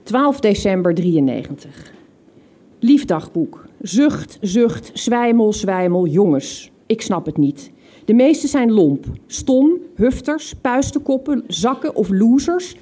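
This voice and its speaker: Mellow-voiced woman reading her old diary. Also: mid-range voice, very animated, takes it slowly, slightly rough. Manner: reflective reading with occasional amused laughs at her old entries. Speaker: reader of her own teenage diary. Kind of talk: reading diary entries aloud.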